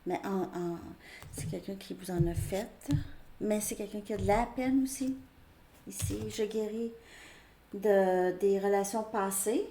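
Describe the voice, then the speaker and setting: This tarot reader, a woman with a Québécois French accent, rambles through a relaxed reading while thinking aloud, full of filler words. She speaks at an unhurried pace in a mellow, medium-pitched voice. Faint noise and echo from the room can be heard.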